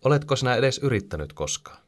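A man's voice: medium pitch, big pitch swings, voice pushed up, natural voice. A man voicing a timid, thoughtful young boy who speaks earnestly. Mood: urgent.

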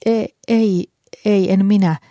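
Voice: medium pitch, dark tone, no echo, clean studio sound, close to an everyday voice. A reader voicing a shy young girl who stammers and protests in an audiobook. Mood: flustered. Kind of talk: audiobook character voice.

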